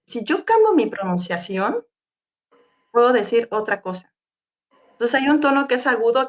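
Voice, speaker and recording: A woman's voice: fairly high pitch, lo-fi sound. A woman with a Mexican Spanish accent presenting slides at an academic forum, hesitant, with many fillers and restarts, over a video call.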